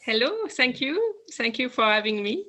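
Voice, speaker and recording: A woman in her thirties from France with a French accent, speaking English as an interview guest, often pausing on fillers and restarting her sentences. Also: sits high, big pitch swings. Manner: hesitant, many fillers and restarts, warm laughs. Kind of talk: casual conversational interview.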